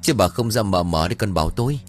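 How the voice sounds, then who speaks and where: A man's voice: on the low side, expressive, fast, soft background music, natural voice. A man voicing a grumpy, crude old village exorcist who curses and grumbles. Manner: gruff, cursing, bossy.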